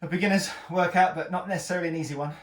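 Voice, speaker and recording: A man's voice: high-pitched, steady tone, rapid-fire, roomy sound, far from the mic. A man working as a personal trainer, talking viewers through an ab workout while exercising himself, encouraging and joking, short of breath between sets.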